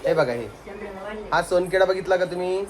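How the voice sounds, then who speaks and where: A woman's voice: on the low side, moderate pace, a little hiss or hum. A young woman, chatting to viewers in a family vlog while coaxing and scolding children. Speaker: family vlogger. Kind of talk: casual family vlog talk.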